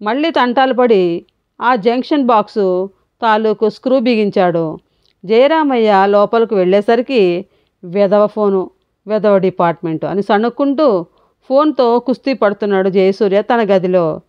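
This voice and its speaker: A woman's voice: medium pitch, moderate pace, clean tone, muffled recording. A woman narrating a novel as an audiobook, voicing each character in turn. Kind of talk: storytelling narration.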